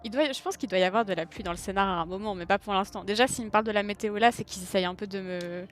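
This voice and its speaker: Soft background music and engine noise accompany a medium-pitched woman who talks at a racing speed while streaming a racing game. Excitable, she chats to her viewers in live commentary, yelping at slip-ups and poking fun at herself.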